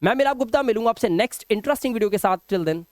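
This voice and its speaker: A man teaching a spoken English lesson, slowly drawing out each example sentence. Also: sits high, lively intonation, no echo, studio quality. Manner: slow, drawn-out repetition of example sentences.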